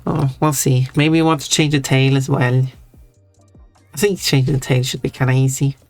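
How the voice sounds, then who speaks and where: This live streamer has a Swedish accent and a medium-pitched, steady voice, with faint music playing behind. The talk is casual, rambling and halting, broken up by frequent giggles.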